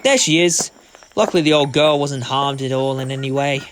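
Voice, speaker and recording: A man playing the Doctor, a gentle, polite, eccentric time-travelling adventurer in an amateur audio drama. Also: medium pitch, moderate pace, a little hiss or hum, natural voice. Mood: kindly, brisk.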